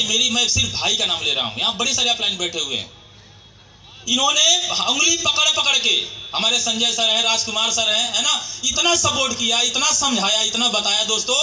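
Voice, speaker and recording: A man tells motivational stories to a hall audience, often turning to quiz the crowd. His voice is very high and sharp-edged. The sound rings around a large, echoey hall through a stage mic. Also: a little hiss or hum. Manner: animated storyteller, keeps addressing the crowd as friends and quizzing them. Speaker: motivational speaker at a company anniversary event. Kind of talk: motivational storytelling speech.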